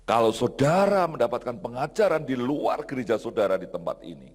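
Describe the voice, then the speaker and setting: A male pastor preaching a sermon, telling stories and acting out the voices of people in them, with a somewhat husky voice. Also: medium pitch, very animated, fairly quick. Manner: storytelling preacher who acts out dialogue, addressing the congregation often. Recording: long hall reverb.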